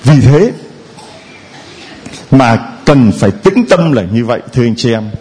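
Animated preaching man, lively pitch. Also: measured pace, slightly rough. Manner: lively, animated preaching with sung snatches and mimicked voices. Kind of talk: sermon at a retreat.

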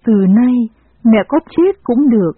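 An old mother speaks with earnest feeling in a scripture reading, read by a woman. Her voice sits a little high and sounds husky. The sound is dry and tinny, like a phone. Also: expressive, a little slow, dry recording. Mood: longing.

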